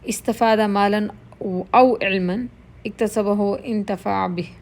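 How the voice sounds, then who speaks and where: A woman's voice: medium pitch, fairly even intonation, creaky. A woman teaching Arabic vocabulary, explaining words patiently in Urdu mixed with English and repeating them. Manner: patient, explains each word slowly and repeats it.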